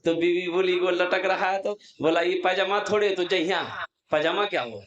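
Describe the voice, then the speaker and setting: A man's voice: sits high, moderate pace, echoey room, lo-fi sound. A male preacher from Kolkata at a religious gathering, telling a comic folk story into a stage microphone and acting out the lines of the people in it. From Kolkata, India. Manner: animated storytelling, acting out family members' lines. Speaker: Islamic preacher.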